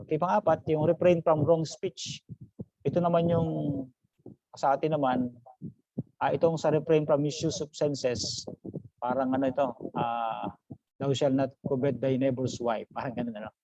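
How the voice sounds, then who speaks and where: A man's voice: fairly high pitch, steady tone, normal speed, pauses often, dark tone, no room sound. A man, a pastor, teaching an online class. He mixes English phrases into his talk, calls his listeners brothers and sisters, and quizzes the class. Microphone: video call. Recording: dull lo-fi video call audio.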